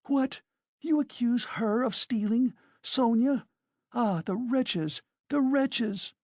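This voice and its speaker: For an audiobook, a reader voices a frantic, defiant widow who shrieks accusations in hysterical fury, pitching the mid-range voice above their own natural one. The pitch swings widely at a slightly slow pace. The studio sound is clean with no room echo.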